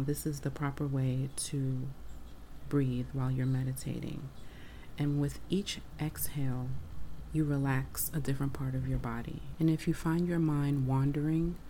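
Low, even-voiced woman guiding meditation. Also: slight background noise. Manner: soothing, instructing breath by breath. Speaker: meditation guide. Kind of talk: guided meditation. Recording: music bed under the voice. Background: music.

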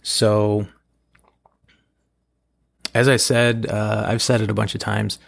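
Gravelly, hoarse man rambling on a podcast. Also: lowish voice, flat delivery, slow pace. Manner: self-deprecating, loose, digressive. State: hoarse from allergies. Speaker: podcast host. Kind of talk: rambling casual solo podcast talk. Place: at home, in a room below a bathroom.

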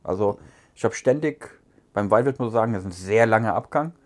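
A man's voice: fairly low pitch, fast talker. Chatty man reviewing cigars. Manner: relaxed, chatty, muses with fillers. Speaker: podcast co-host. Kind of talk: casual cigar review chat.

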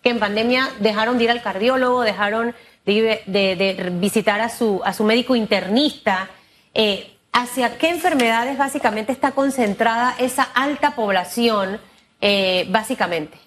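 A woman's voice: on the high side, normal speed, a little hiss or hum. A woman with a Panamanian Spanish accent hosting a broadcast interview in an informal, direct, colloquial way. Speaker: talk show host. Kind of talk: lively conversational broadcast interview.

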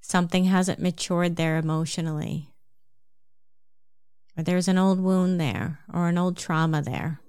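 A woman with a New Jersey accent giving a calm, measured self-help talk, explaining things step by step. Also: on the low side, clean tone, no room sound, clean studio sound.

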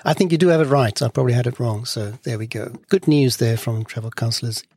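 A man's voice: mid-range voice, fast. A man hosting a conversational news discussion podcast, leading the panel through stories. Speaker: podcast host.

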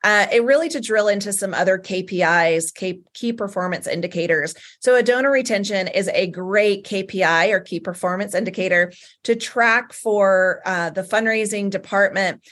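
Woman cohost, Southern accent, conversational advice-giver, mid pitch, fillers throughout. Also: normal speed, fairly bright tone. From American South. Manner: chatty, many "you know" fillers. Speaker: cohost of a nonprofit talk show. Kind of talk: casual advice chat.

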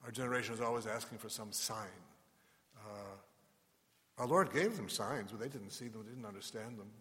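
Priest preaching in a cathedral echo. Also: male voice, lowish voice, pushed and bright. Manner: measured, unhurried preaching with pauses. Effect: long cathedral-like church reverb. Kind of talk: gospel reading and homily at Mass. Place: large church. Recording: long reverb of a big church.

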